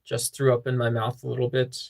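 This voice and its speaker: A man's voice: mid-range voice, completely flat delivery, a little fast, vocal fry, a little mellow. A man hosting a casual livestream, chatting with viewers in a joking, rambling way. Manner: joking, rambling, singing snippets. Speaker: livestream host.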